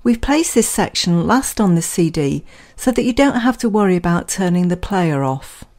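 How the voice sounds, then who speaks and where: A woman reading a scripted guided relaxation in a calm, measured, soothing manner, leaving pauses between phrases. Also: lowish voice.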